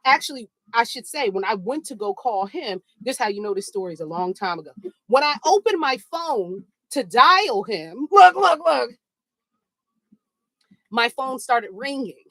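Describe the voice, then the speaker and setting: Sassy woman host telling a story mid-workout on a treadmill, lively pitch, a bit high, dry close sound. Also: unhurried, no room sound. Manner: sassy, animated, talks to listeners as girl and baby. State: walking on a treadmill. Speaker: podcast host. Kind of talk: casual storytelling while walking. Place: home treadmill, indoors.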